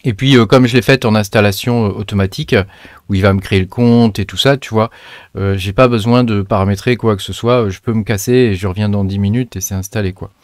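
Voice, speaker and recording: A man's voice: lowish voice, fairly even intonation, fast, a little mellow, dry recording, clean studio sound. A man hosting a casual screen-recorded tech tutorial, loose and chatty, with lots of fillers and slangy asides.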